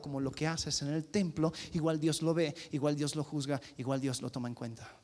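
High-voiced preacher in an echoing hall. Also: male voice. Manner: animated, acts out quoted people, swings from loud to hushed. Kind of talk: sermon. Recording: reverberant hall.

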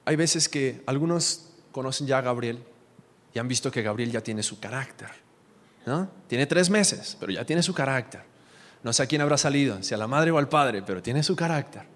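Emphatic preacher in a reverberant church. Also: male voice, mid-range voice, lively intonation, normal speed, fairly bright tone. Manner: emphatic, asks the congregation questions. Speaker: pastor. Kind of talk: sermon.

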